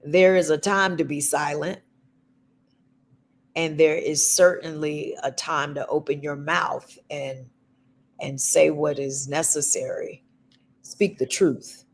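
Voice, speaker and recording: A woman co-hosting a talk show, giving relationship advice in a slow, deliberate and emphatic way. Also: sits low, fairly even intonation. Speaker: podcast co-host.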